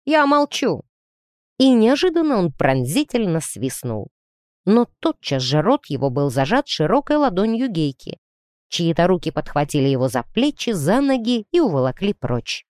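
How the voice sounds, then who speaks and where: A woman narrating a children's story aloud with expressive storytelling. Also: fairly low pitch, moderate pace, no echo, studio quality. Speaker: audiobook narrator. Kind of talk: scripted narration.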